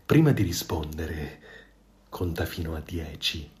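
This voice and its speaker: A man voicing a sly, impatient male fox with a low, scheming, exasperated manner in a storybook reading. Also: slow.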